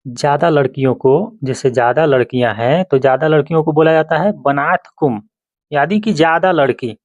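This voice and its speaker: A man teaching Arabic vocabulary, saying each word and repeating it slowly with its meaning. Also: fairly high pitch, no room sound. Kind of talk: vocabulary lesson.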